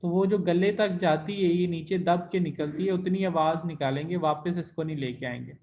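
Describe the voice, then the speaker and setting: A man teaching an online language class, explaining step by step and demonstrating tones by slowly repeating syllables. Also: fairly high pitch, lo-fi sound, slight background noise. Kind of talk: recorded online class lesson.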